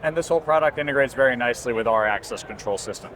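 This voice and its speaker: Here a company presenter talks rapid-fire in a mid-range, fairly bright voice, walking visitors through a product demo in a chatty, explanatory way. The setting is a busy indoor trade show booth, with the hall's ambience and floor noise constantly audible.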